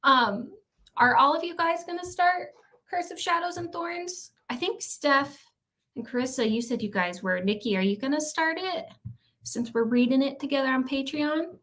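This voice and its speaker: A young woman chats on a home livestream, reading out viewer comments and teasing rival teams. Her voice sits a little higher than usual, and she talks loosely and playfully. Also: expressive, normal speed, fairly bright tone. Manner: chatty, playful trash talk, frequent laughs. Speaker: streamer hosting a reading sprint.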